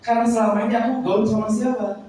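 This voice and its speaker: A man's voice: high voice, level tone, quick pace, recorded from a distance, heavy background noise. Man with a Sundanese accent in an echoey hall. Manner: jokey, quizzes the audience, slips into Sundanese phrases. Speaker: parenting seminar speaker. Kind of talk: lively seminar talk to parents. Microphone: handheld microphone. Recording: echoey hall, voice picked up from afar.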